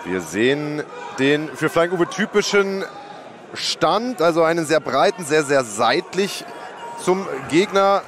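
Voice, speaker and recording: High male lead fight commentator, noisy arena. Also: sing-song, takes it slowly. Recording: loud arena crowd noise behind.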